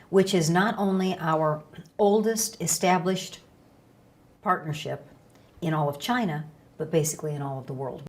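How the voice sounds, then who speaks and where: A woman, a university recruitment official, explaining partnerships in a measured interview. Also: low-pitched, darkish tone. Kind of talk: interview sound bite.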